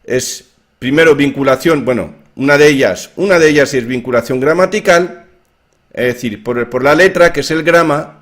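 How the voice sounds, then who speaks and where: A man's voice: a little high, normal speed, fairly bright tone. A man explaining his own theory of language in an informal lecture, with many fillers and restarts.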